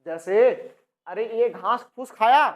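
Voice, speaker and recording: A man's voice: sits high, slow. A male biology teacher from India, speaking. He lectures a coaching class, asks questions, answers them himself and repeats key terms. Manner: addresses students as "बच्चा".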